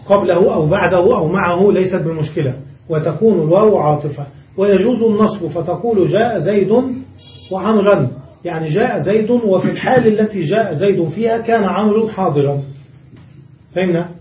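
A man's voice: high-pitched, fairly quick. A man teaching an Arabic grammar lesson, explaining step by step and asking his students rhetorical questions. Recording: dull, echoey room from far off.

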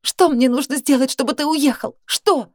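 A woman's voice: moderate pace, no room sound, studio quality, natural voice. A woman narrator voicing a distraught young woman who sobs and screams in desperation. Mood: frantic. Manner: shrill, desperate shouting.

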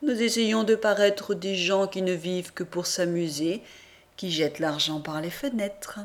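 A woman reading a novel aloud as an audiobook narrator, in a measured first-person style with lively voiced quotes. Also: fairly low pitch. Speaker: audiobook reader. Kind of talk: scripted narration.

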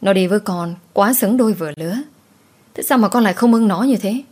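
A woman's voice: mid-range voice, a little fast, mellow, natural voice. Woman doing a tender pleading mother. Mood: coaxing. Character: gentle worried middle-aged mother.

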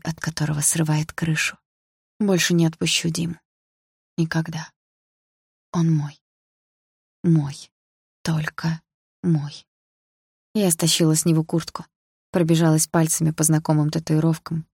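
A woman reading a first-person romance novel aloud in a slow, intimate, emotional way. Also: low-pitched, gravelly, darkish tone, breathy edge, dry recording, clean studio sound. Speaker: audiobook narrator. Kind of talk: scripted first-person narration.

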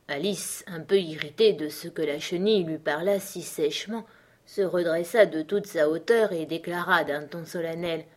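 A woman narrating an audiobook in a calm, even storytelling manner. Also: lowish voice, moderate pace.

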